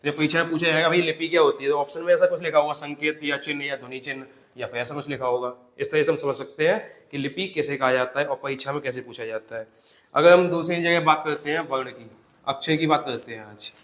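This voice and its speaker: A man teaching an exam-prep grammar lesson, explaining step by step and repeating example words slowly. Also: on the high side, fairly bright tone. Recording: echoey room.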